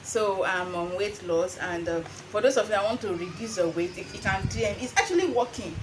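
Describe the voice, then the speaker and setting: A woman's voice: mid-range voice, animated, a little fast. Nigerian woman demonstrating informally, noisy recording. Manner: slips between English and Pidgin phrasing; repeats phrases for emphasis. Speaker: herbal remedy seller and vlogger. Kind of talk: informal how-to demonstration to camera.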